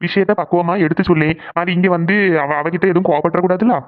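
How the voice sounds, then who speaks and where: Woman doing a calm cartoon big bro, lowish voice, talks super fast, steady advice. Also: phone-quality sound, close to an everyday voice. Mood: advising. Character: calm, sensible elder brother. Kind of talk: cartoon voice acting.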